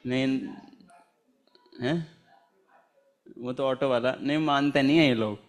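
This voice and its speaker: A man's voice: mid-range voice, slow pace. A man teaching a Gita class in a chatty, storytelling manner, laughing often and chanting Sanskrit verses. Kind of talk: informal scripture class with anecdotes.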